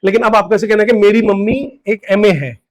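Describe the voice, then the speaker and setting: Male teacher, high voice, lecture delivery that keeps quizzing the class. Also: a little fast. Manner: drills students with repeated questions, very high-pitched. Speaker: English grammar teacher.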